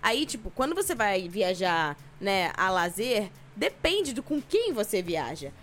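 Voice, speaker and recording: A woman's voice: medium pitch, big pitch swings, measured pace, fairly bright tone, slight background noise. A woman in casual podcast chat, talking things through at length. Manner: reflective, explains at length.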